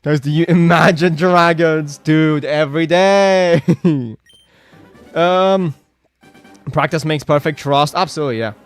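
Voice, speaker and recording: A man's voice: a little high, unhurried, clear, resonant tone, soft background music. A man chatting casually on a live game stream, rambling with lots of filler words and reacting to chat.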